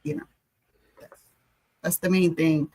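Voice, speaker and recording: A woman's voice: lowish voice, big pitch swings, a little slow, darkish tone, slightly rough, low-quality recording. An American woman talking casually as a panelist on a podcast.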